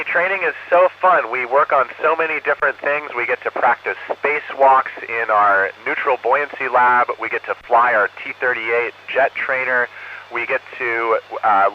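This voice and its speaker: Guy on a crackly space station radio link, earnest, says over after each answer, muffled sound with a little static hiss. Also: mid-range voice. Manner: earnest and measured, ends each answer with 'over'. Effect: crackly space-to-ground radio downlink. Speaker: astronaut answering student questions.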